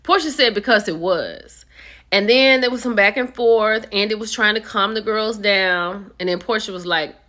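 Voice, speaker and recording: Woman, casual reality TV chat, bright tone, animated excited pitch jumps. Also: normal speed. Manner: chatty and animated, with sudden high excited jumps. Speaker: reality TV commentary host.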